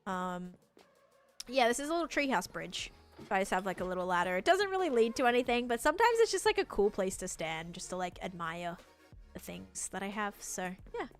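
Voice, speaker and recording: A woman livestreaming a game in casual chat, rambling and thinking aloud as she answers viewers, with expressive jumps in pitch and volume. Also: a little fast. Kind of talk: casual gameplay stream chat. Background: music.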